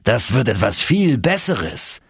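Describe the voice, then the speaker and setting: A man voicing a calm, confident older professor who speaks slowly and evenly. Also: vocal fry, breathy edge, dry recording, clean studio sound, full character voice. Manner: slow, low, unruffled.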